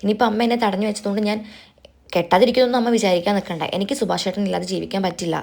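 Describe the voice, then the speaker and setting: A woman's voice: mid-range voice, fairly even intonation, rapid-fire, vocal fry, darkish tone. A woman voicing a stubborn young woman defying her mother, in a retold TV serial. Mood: defiant. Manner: defiant, insistent. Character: defiant young woman, stubborn, refusing arranged marriage.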